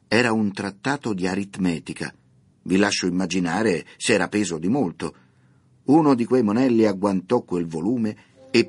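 A man narrating a children's classic in a scripted, lively, expressive storytelling manner. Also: on the low side, husky. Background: soft background music.

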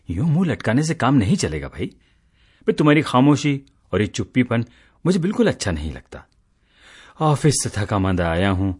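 A man's voice: fairly low pitch, slightly rough. An actor playing a tired office-going husband who teases and scolds his wife, in a radio play. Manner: teasing, exasperated, lively. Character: teasing middle-aged husband, tired office worker.

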